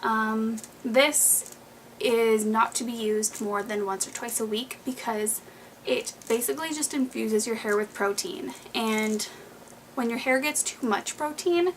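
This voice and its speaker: Chatty twenty-something girl doing a beauty vlog, kinda high voice, a bit breathless, lots of um and like, faint hiss. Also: low-quality recording. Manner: chatty, rambling, lots of fillers and restarts. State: slightly out of breath. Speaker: beauty vlogger. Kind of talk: casual monthly favorites vlog.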